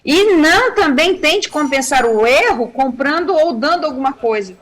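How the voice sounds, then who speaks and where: High-voiced woman telling a parenting story. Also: normal speed. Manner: animated storytelling, acting out quotes, laughing. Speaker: missionary giving family advice on TV.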